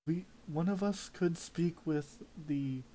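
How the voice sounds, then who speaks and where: A man with a fairly high voice plays a tabletop role-playing game. He talks in a halting, hesitant way, speaks in character and narrates his character's actions. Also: warm tone, poor audio. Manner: hesitant, halting delivery with fillers.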